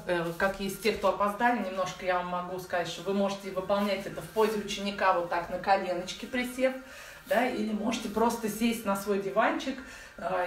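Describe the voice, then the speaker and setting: A woman in her forties giving informal, chatty breathing instruction to beginners, using affectionate diminutives. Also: mid-range voice. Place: living room at home, indoors. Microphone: phone or camera set a little way off. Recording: echoey room, distant mic, faint noise.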